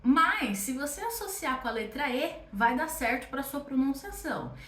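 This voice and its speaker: A woman's voice: high voice, lively intonation, moderate pace, fairly bright tone, recorded from a distance. A young Brazilian woman with a Brazilian Portuguese accent, teaching an online French lesson in a chatty, encouraging way and checking in with "ok?" often. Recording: echoey room, voice off-mic.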